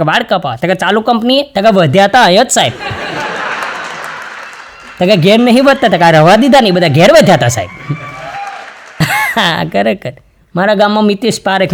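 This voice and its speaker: Male stand-up, Charotar Gujarati accent, folksy joke-teller who does high shouting character bits, faint audience noise. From Gujarat, India. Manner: acts out characters with sudden jumps to a high shouting voice. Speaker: stand-up comedian.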